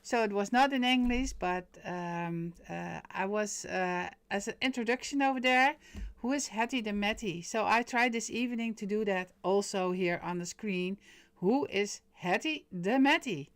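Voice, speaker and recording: A middle-aged Dutch woman, native Dutch speaker from the Netherlands, hosts a casual live stream as a medium, speaking hesitantly with lots of fillers and restarts. Her medium-pitched voice moves at a moderate pace, clean-toned in a dry recording.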